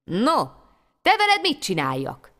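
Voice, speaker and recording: A woman voicing an eager, worried young wandering lad in a folk tale, with excited, raised exclamations. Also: a little high, pitched above the performer's own voice. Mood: eager, alarmed. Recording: long hall reverb.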